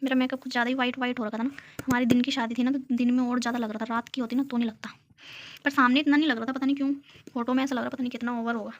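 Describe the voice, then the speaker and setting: Young female home vlogger from Uttarakhand, chatty and giggly, talks to viewers on a phone; highish, even-toned voice. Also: racing, lo-fi sound. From Uttarakhand, India. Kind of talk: casual chat showing a photo album. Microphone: phone camera.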